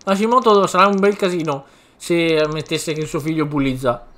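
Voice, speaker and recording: A man's voice: a little high, fairly even intonation, brisk, fairly bright tone, lightly acted. A man reading as a knowing informant boy. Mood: matter-of-fact.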